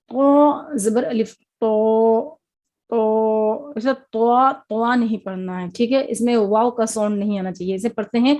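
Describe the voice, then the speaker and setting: A woman teaching Quran recitation, sounding out each syllable slowly three times and explaining the rules quickly in between. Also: medium pitch, mellow. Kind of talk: spelling-drill lesson with repeated syllables.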